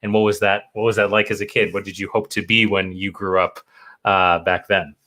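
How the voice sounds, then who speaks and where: In a casual interview conversation, a podcast host with a low voice and a sharp tone talks a little fast in a flat delivery. He is chatty and enthusiastic all the same, posing questions that ramble on at length.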